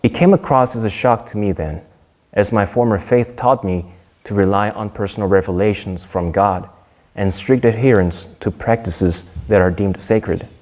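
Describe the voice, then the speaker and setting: With a fairly low, slightly mellow voice, a young man from Korea delivers a Dharma talk he has prepared. He stays measured and sincere, stumbling into a handful of small restarts.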